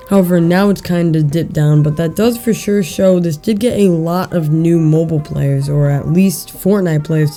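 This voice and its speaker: A young adult video game YouTuber with a mellow, mid-pitched voice and slightly hissy, drawn-out s sounds from being a little under the weather. The delivery is casual news narration aimed straight at viewers, with music playing behind it. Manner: casual, addresses viewers as guys. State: a little sick. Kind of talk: upbeat scripted gaming news narration to camera-less audience. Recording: voice-over with background music.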